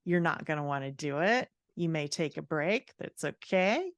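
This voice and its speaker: Her voice is low with lively intonation and a normal pace, heard with no echo. As a writing coach guesting on a podcast interview, she lays out her ideas conversationally, offering encouraging, reflective advice.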